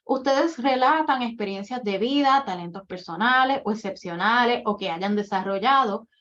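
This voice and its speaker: A woman's voice: a little high, lively intonation, moderate pace, fairly bright tone. Methodical woman teaching writing rules, lo-fi. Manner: methodical, lists rules and examples one by one. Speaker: admissions coordinator giving a workshop. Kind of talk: explanatory workshop lecture. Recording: dull lo-fi recording.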